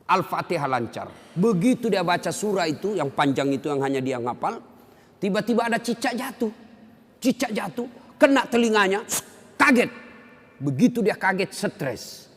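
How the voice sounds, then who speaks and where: A middle-aged man delivers a humorous sermon, his fairly high voice climbing into loud exclamations as he tells stories. The sound carries a long reverb, as if from a big hall. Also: very animated, moderate pace. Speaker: preacher.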